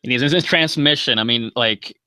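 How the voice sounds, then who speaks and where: A young man argues his side in a loose online debate, rambling through fillers and swearing as he goes. His voice is bright and forceful, and the recording is dry and close. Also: medium pitch, normal speed, dry recording. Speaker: debate guest. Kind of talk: casual live-stream debate.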